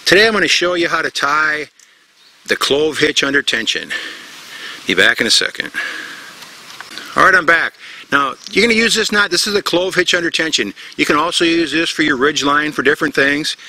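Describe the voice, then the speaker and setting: A man's voice: on the high side, lively intonation, moderate pace, sharp tone, a little hiss or hum. A middle-aged man showing a knot step by step in a tropical forest, talking plainly and repeating himself as he works. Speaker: bushcraft instructor. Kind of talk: casual outdoor knot demonstration.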